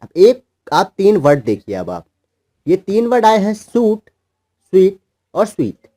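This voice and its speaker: A man's voice: high voice, wildly swooping pitch, a little slow, mellow. A man teaching children English words, patiently spelling them out letter by letter in Hindi. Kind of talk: explaining word meanings to children.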